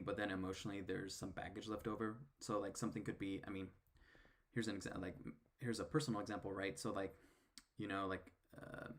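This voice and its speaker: A man with a daughter, responding in casual commentary, halting often with fillers and restarts. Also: fairly low pitch, a bit bright. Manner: hesitant, many fillers and restarts. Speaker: video commentator.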